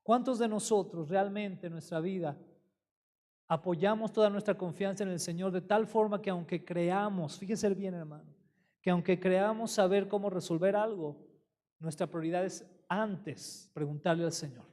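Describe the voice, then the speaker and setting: A man preaches a sermon in a high, lively voice. He tells his story with energy and keeps asking his congregation questions. A long reverb from a church hall trails behind his words. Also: moderate pace. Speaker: pastor.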